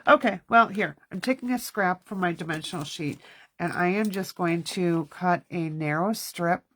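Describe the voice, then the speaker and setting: A woman with a lowish voice, speaking at normal speed, demonstrates card-making in a relaxed hands-on class. She talks to herself chattily as she goes, sounding stuffy-nosed.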